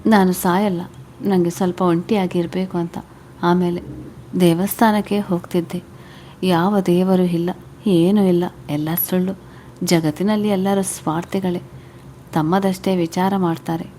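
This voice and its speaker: A woman's voice: lowish voice, little pitch movement, a little slow, warm tone, a little hiss or hum, close to an everyday voice. Woman voicing a heartbroken young wife. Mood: bitter. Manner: tearful, pleading questions.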